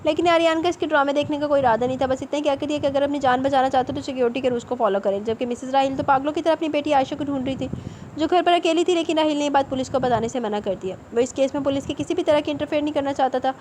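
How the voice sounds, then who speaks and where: A woman narrating a romance novel aloud in a steady voice, with occasional spoken asides. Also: high-pitched, a little hiss or hum.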